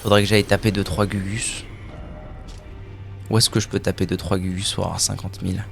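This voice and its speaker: A man's voice: sits low, little pitch movement, a little fast, gravelly, faint music behind. A man streaming a video game live, chatting casually with his viewers, joking and swearing as he plays. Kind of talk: live gameplay commentary.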